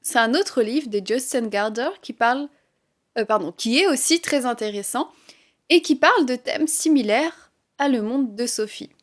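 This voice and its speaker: A woman with a French accent giving a relaxed, conversational language lesson, explaining things with light laughs and fillers. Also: a little high, normal speed. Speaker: French teacher.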